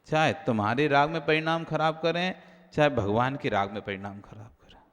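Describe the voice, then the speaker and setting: A man's voice: mid-range voice, moderate pace. A man, a Jain monk, giving a sermon and acting out everyday quarrels in a raised voice. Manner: animated, acts out quarrels in a raised voice. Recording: hall reverb.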